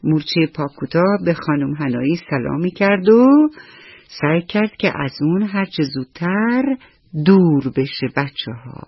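A woman's voice: sits low, animated, breathy edge, no echo. A woman telling a bedtime story to children on the radio, tenderly addressing her little listeners. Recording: dull lo-fi radio with soft music.

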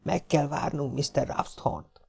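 A man voicing a young woman hiding at night, talking in a hushed, urgent whisper for an audiobook. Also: on the high side, gravelly, husky, voice pushed up. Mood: tense hushed.

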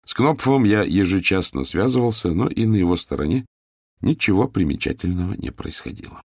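A man narrating a novel as an audiobook in an expressive way. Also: low voice, brisk, husky, no echo, studio quality.

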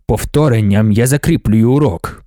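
A man voicing an ancient, imperious male god-emperor in an audiobook, speaking in a slow, measured, commanding way. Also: on the low side, warm tone, no room sound, clean studio sound, voice pushed down, close to an everyday voice. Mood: lecturing. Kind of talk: audiobook character voice.

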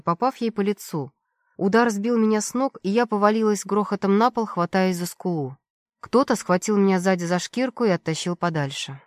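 A woman reading first-person fiction as an audiobook narrator, steady and expressive. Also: mid-range voice, no room sound, clean studio sound.

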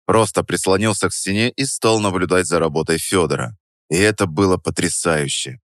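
Male narrator, first-person audiobook, steady delivery, low voice, dry studio sound. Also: fairly quick, no echo.

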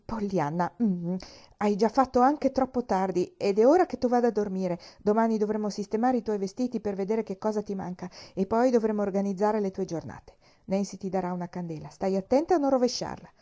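Woman reader as a stiff, cold aunt giving orders; mellow tone, lo-fi sound. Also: medium pitch, a little fast, natural voice. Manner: cold, formal.

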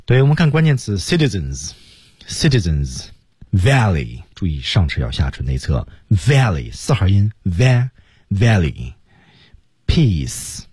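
A man teaching English on a radio program, explaining pronunciation step by step and drilling words slowly. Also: fairly low pitch, wildly swooping pitch, darkish tone, husky, no echo, clean studio sound. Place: radio studio.

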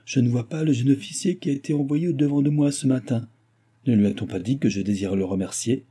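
A man's voice: mid-range voice, fast, dark tone, husky, pitched above the performer's own voice, lightly acted. A man voicing a gracious, charming young princess who gives courteous orders.

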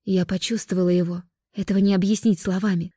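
A woman voicing a tearful, frantic young fairy woman, with a high, shrill, weepy manner. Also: level tone, fast, warm tone, slightly rough, dry recording, studio quality, natural voice. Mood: distraught.

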